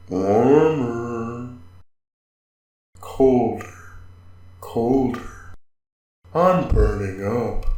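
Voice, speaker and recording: A man's voice: on the low side, a little mellow. A man voicing a goofy, dim-witted elephant mascot in a video game, a singsong and playful theme park character. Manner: singsong, playful, slow and drawn-out. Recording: roomy, distant, heavy echo.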